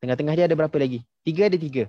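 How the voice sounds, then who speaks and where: A man's voice: on the high side, racing, no echo. Man, young, patient teacher, quizzes students, dull lo-fi call sound. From Malaysia. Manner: patient, quizzes students, many fillers like ha and okey. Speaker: tajwid teacher. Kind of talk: casual online class instruction.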